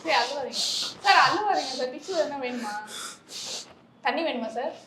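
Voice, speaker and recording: A woman interviewing a guest, speaking in a calm, teasing, mock-soothing way. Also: sits high, normal speed, a crowd in the background. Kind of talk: interview questioning. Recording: roomy echoey room.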